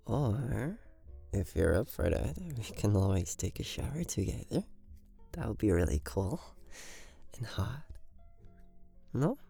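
Guy doing ASMR role-play as a soothing boyfriend, sweet nothings, soft breathy mellow voice, quiet music behind. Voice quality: soft, breathy soft voice mixed with low murmur.

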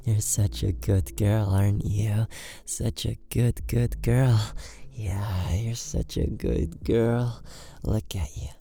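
A man in an ASMR boyfriend roleplay, talking close to the mic with soft, doting, repetitive praise that often drops to a whisper. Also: lowish voice, fairly even intonation, slow, gravelly, breathy edge.

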